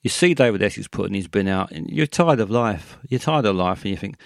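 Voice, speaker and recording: Low gravelly man rambling on a call-in show. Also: expressive, dry recording, studio quality. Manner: meandering, halting, many fillers and restarts. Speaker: radio call-in host.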